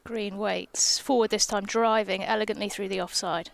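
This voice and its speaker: A woman's voice: medium pitch, fairly even intonation, normal speed, gravelly. A young woman, a professional cricketer, co-commentating live cricket on a headset outdoors, chatty and teasing. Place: outdoors under a gazebo at a cricket ground.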